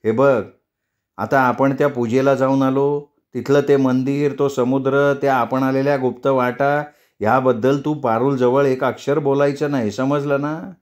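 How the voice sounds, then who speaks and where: A man voicing an older mother-in-law who talks slowly, bossily and scolds in a storybook reading. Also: medium pitch, fairly even intonation, natural voice. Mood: bossy. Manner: bossy, slow and scolding.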